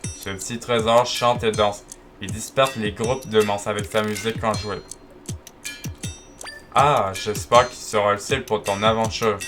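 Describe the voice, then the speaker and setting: A theatrical, eccentric male inventor of automatons, read aloud by a man with a slightly gruff, deepened voice. He speaks slowly and emphatically. Game music plays clearly behind him. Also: steady tone, lightly acted. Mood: kindly. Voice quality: deep, gruff put-on voice. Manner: reads game dialogue aloud in character, slow and emphatic.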